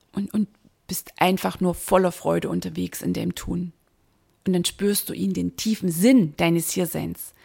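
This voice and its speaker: Speaking in a mid-range, husky and creaky voice, the woman who hosts this business mindset podcast exhorts her listeners directly. Her monologue is emphatic, with stress laid on key words.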